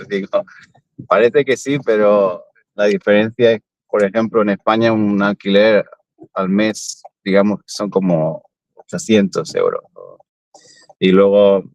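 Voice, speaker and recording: A man's voice: fairly low pitch, no echo, poor audio. Chatty man with a Spanish accent. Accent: Peninsular Spanish. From Spain. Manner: chatty, asks many questions. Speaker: host. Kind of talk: casual chat. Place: car on a drive.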